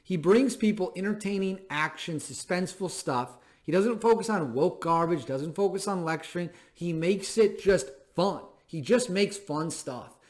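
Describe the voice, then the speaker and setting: A man's voice: high-pitched, moderate pace, hardly any pauses. A thirty-year-old man hosting a show, speaking an emphatic, plainspoken commentary monologue and repeating phrases for stress. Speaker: show host. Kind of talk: opinion commentary monologue to camera.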